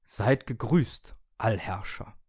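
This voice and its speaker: A man's voice: lowish voice, slow, darkish tone, slightly rough, dry recording, clean studio sound, full character voice. A man voicing a devout male toaster that worships its owner, in exalted, solemn tones for an audiobook. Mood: ecstatic. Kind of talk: audiobook reading.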